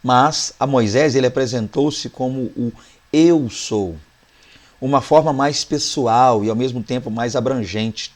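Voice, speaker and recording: A man's voice: mid-range voice, a little mellow. A man with a Brazilian Portuguese accent teaching a Bible study lesson, explaining Hebrew words one by one and checking in often with his listeners. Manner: talks to the class directly with "né" and "tá".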